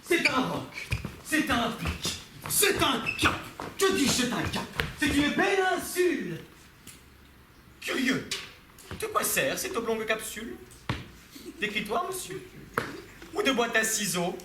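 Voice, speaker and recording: A man's voice: very high voice, sing-song, slow pace, pauses often, heavily acted. A young man playing a proud, witty, flamboyant swordsman on stage, declaiming verse in a hammy theatrical manner with exaggerated shifts of tone. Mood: bombastic. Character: proud, witty, flamboyant swordsman mocking his own big nose. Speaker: drama student performer. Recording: echoey room with faint noise.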